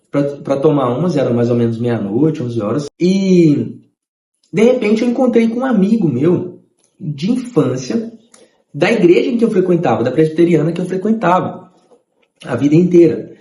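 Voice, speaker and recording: A man, telling his conversion testimony in an animated way and acting out the voices of others. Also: a little high, normal speed, roomy sound. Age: 30s.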